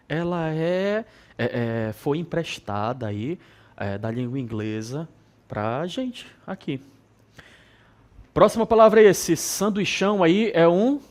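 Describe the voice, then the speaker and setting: A man from northern Brazil with a regional accent, teaching an English lesson to students and repeating words slowly with frequent check-ins. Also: fairly high pitch. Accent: northern Brazilian Portuguese. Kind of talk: televised school lesson.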